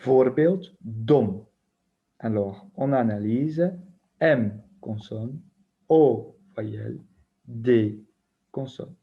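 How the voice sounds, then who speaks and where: A man's voice: medium pitch, drawn-out words, creaky, long pauses, slightly rough. A man teaching a recorded grammar lesson, patiently spelling out letters and rules one by one. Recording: muffled lo-fi recording.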